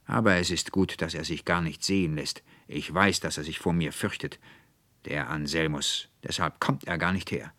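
A man's voice: a bass voice, fairly even intonation, moderate pace, bright, forceful tone, no echo. A man voicing an irritable, pompous older male schoolmaster who grumbles indignantly. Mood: grumbling.

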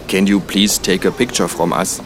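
A man's voice: on the low side, unhurried, noisy background, lightly acted. A man playing a smiling, insistent tourist father who asks for things in broken English. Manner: broken English, persistent polite requests.

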